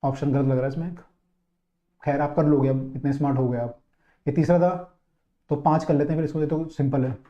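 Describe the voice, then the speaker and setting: Male physics tutor, high-ish voice, dark tone, chatty and coaxing, repeats points; roomy, muffled recording. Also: steady tone, brisk, long pauses. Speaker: physics teacher. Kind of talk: online class lecture. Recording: dull, roomy online-class audio.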